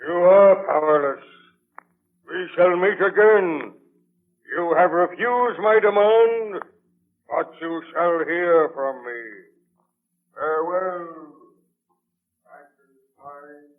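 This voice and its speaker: A man's voice: high-pitched, slow, pauses often. A man playing an anguished, vengeful monster in a 1930s radio drama, speaking in a portentous, declamatory way. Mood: threatening. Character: anguished, vengeful male monster, lonely man-made creature. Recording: tinny band-limited 1930s radio broadcast.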